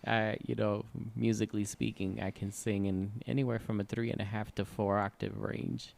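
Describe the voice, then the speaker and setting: This forties-aged podcast co-host chats in a casual, expressive way with frequent laughter. His voice is fairly low and a little mellow with vocal fry, his delivery flat and his speed normal.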